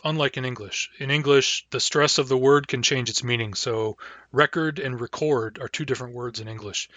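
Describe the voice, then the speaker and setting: A man teaching a language class online, talking in a halting way with frequent fillers. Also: medium pitch, pushed and bright, dry recording.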